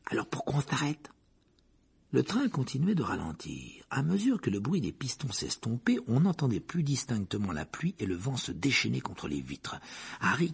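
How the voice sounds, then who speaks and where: A man narrating an audiobook with expressive storytelling. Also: fairly low pitch, vocal fry, husky.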